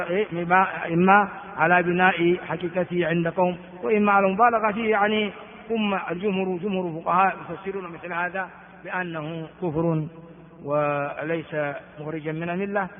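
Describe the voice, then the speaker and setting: Brief: male hadith teacher, high voice, explanatory lecture with chanted quotations, thin phone-like sound. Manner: explanatory, at times chants quoted words and verses. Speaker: Islamic scholar teaching hadith. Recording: long hall reverb, narrow phone-like sound.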